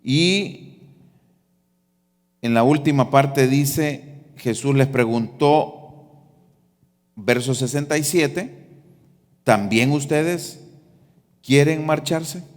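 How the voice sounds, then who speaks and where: A male pastor preaching a sermon, calling on the congregation to repeat after him and rising into loud, emphatic passages. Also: mid-range voice, extremely slow, long pauses. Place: large church hall. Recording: long church-hall reverb.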